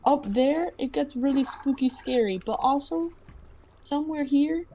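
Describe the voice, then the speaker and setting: Excitable giggly young woman gamer. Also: high-pitched, measured pace, slight background noise. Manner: excitable, giggly, pleading and panicky. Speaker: co-player. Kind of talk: casual gaming chat.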